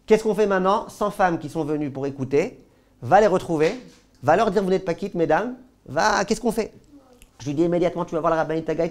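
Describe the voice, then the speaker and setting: Un homme, rabbin, qui donne un cours de loi juive vivant, avec des anecdotes, et qui passe souvent de l'emphase forte aux apartés à voix basse. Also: male voice. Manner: animated storyteller, jumps between loud stress and quiet asides; asks the class questions. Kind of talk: lively halakha class told with anecdotes.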